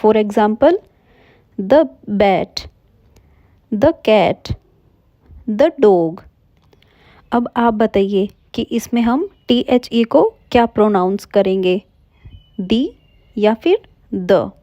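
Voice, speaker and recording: A woman explaining English pronunciation in Hindi, slowly and patiently, with examples. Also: medium pitch, animated, mellow, no echo, highs cut off. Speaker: English teacher.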